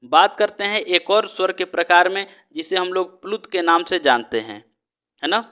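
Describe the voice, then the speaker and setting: Male teacher, high and bright, asks a question and answers it himself, keeps checking in with the class. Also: normal speed. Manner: stretches out the sounds he teaches. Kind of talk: exam-prep lesson.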